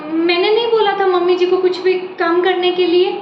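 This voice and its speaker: A woman's voice: extremely high pitch, fairly even intonation, fairly quick, background noise. A woman playing a polite young daughter-in-law who defends herself and pleads, in a home-made family drama skit recorded in a roomy room. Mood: pleading. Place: indoors at home. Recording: roomy, dull lo-fi sound.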